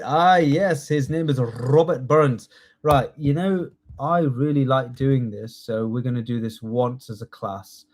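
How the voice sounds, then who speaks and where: A man teaching a live online class, lively and coaxing, repeating key words slowly for his students. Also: mid-range voice. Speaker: test training tutor.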